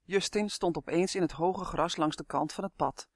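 A man narrating a fantasy children's book with an expressive reading. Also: sits high, normal speed, dry recording, clean studio sound. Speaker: audiobook narrator. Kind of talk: scripted storybook narration.

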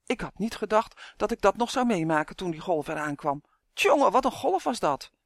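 A cheeky, excitable little elf, voiced by a man with a shrill, very high voice that leaps all over the place. He chatters quickly in an audiobook reading, recorded close and dry. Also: vocal fry, no room sound, heavily acted. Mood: excited. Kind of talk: audiobook character voice.

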